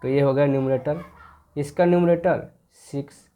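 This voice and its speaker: A man teaching a children's maths class, explaining slowly and repeating each point patiently, and reading the English text aloud very slowly. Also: on the high side, fairly even intonation, warm tone, lo-fi sound. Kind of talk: explaining a school maths lesson.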